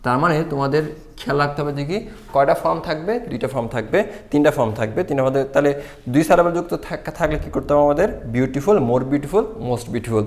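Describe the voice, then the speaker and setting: Fast-talking male grammar teacher. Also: a little high, darkish tone. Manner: repetitive explaining, asks and answers own questions. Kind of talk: English grammar lesson.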